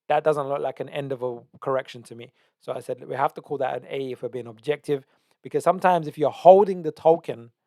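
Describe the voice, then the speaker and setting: A man with a medium-pitched, darkish voice teaches trading, going through a chart analysis on a screen share. He is emphatic, repeats key words and keeps checking in with "right?" The studio-quality recording has no room sound.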